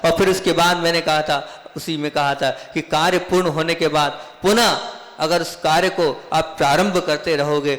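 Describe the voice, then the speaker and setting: Male monk delivering a sermon, animated and questioning, with a slightly high voice and a roomy hall sound. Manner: animated, rhetorical questions and repetition. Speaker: Jain monk preacher. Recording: echoey hall.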